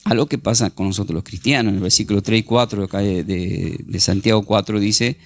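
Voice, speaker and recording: A man's voice: lowish voice, steady tone, fairly quick, vocal fry, no echo. A man teaching a Bible class, earnestly reading scripture aloud with emphasis.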